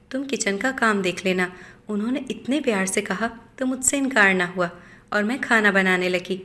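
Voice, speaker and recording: A woman narrating a scripted first-person story in a steady, measured reading voice. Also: mid-range voice.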